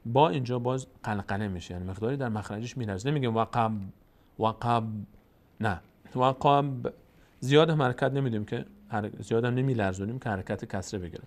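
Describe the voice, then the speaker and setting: Man, recitation teacher, tajweed lesson, plain explaining, slow drawn-out chanting. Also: medium pitch, darkish tone.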